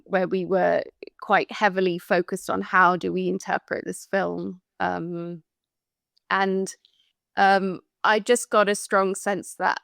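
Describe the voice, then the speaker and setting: A woman from London on a film podcast, talking through her thoughts in a casual discussion, pausing often and hunting for words. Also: medium pitch, vocal fry, a bit bright, no room sound, studio quality. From London, England. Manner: thoughtful and hesitant, searching for words. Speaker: podcast panelist.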